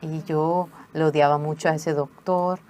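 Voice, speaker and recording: A woman telling her own life story as a personal testimony, in an earnest, measured way. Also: low-pitched, steady tone, darkish tone, a little hiss or hum. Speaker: testimony speaker.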